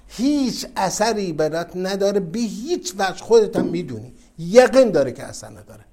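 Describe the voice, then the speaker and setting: Man preaching a storytelling sermon. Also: on the high side. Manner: storytelling, swings from soft asides to emphatic exhortation. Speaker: cleric.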